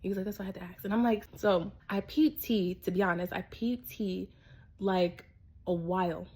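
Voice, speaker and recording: A woman vlogger chats straight to the camera and tells a story in an animated way, leaning on "like" and "you know what I mean." Her voice is husky and sits at a middle pitch. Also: moderate pace. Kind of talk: casual chat.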